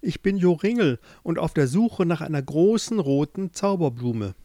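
A man's voice: a little high, lively intonation, normal speed, dark tone, dry recording, pitched above the performer's own voice, lightly acted. A man voicing an earnest young man who pleads for help finding his beloved. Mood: pleading.

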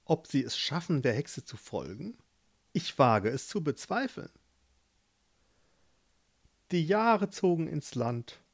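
Female narrator, slow and animated, for a children's story. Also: low-pitched, breathy edge. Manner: slow and expressive.

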